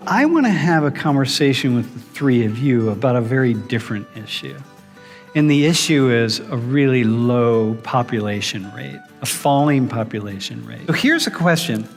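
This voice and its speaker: A man's voice: medium pitch, animated, normal speed. A man lecturing as a professor, quizzing students directly and often restarting his sentences. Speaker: university professor. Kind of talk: classroom lecture. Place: large lecture hall. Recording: reverberant lecture hall with background music.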